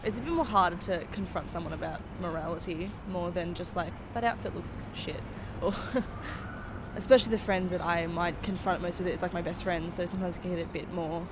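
A nineteen-year-old woman speaking casually in a street interview. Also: fairly low pitch. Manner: casual, chatty. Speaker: member of the public. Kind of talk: casual vox pop. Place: outdoors in a city street. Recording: street noise with passing siren.

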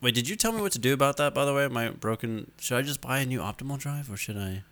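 A man's voice: mid-range voice, animated, quick pace, fairly bright tone. A young man co-hosting a casual podcast chat, rambling and self-mocking, laughing often. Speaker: podcast co-host.

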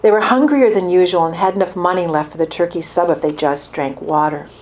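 A woman reading a story aloud in a calm, even storytelling manner, as the author of the book. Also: fairly low pitch, a little fast.

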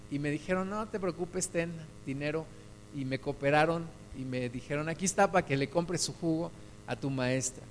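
A man's voice: a little high, long reverb tail. A man preaching a sermon, earnest and mixing in personal stories.

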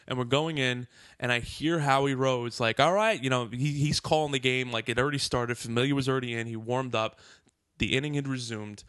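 Animated, foul-mouthed male storyteller. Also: medium pitch, dry recording, studio quality. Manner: animated, profane storytelling with fast asides. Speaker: podcast co-host. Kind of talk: casual chat.

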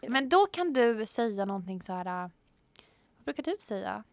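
A teenage girl co-hosting a casual podcast in a small studio, bubbly and giggly, swinging between loud and soft. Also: on the high side, sing-song. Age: teens. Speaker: podcast co-host.

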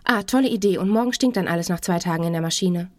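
A woman's voice: on the low side, fast talker, dry recording, studio quality, close to an everyday voice. A woman voicing a tired, frustrated wife who answers curtly and sharply. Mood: irritated. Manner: curt and sharp.

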